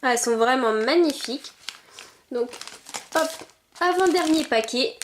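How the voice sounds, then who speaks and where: A young woman with a high voice talks unhurriedly through an unboxing, musing aloud and dropping small exclamations as she goes. A faint hiss and the crinkle of packaging sit under her voice. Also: a little slow. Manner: chatty, thinks aloud, frequent small exclamations. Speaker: vlogger unboxing collectible figurines. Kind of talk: casual unboxing commentary.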